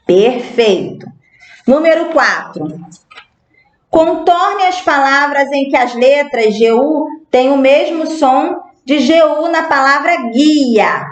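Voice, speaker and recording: A Brazilian woman teaching a primary school class, speaking slowly and patiently, spelling words out one at a time. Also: high-pitched. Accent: Brazilian Portuguese. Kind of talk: recorded remote class lesson. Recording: echoey room.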